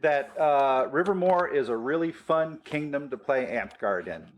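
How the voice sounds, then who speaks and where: A man's voice: fairly high pitch, animated, unhurried, a little hiss or hum. Earnest, welcoming man on a panel. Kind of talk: panel discussion.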